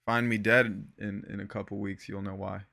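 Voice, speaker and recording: A young man with a bright, forceful voice, chatting as a podcast co-host. He talks in a laid-back, slangy way, laughing easily and trailing off mid-thought. His voice sits a little low for a man. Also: little pitch movement, normal speed, vocal fry. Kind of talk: casual chat.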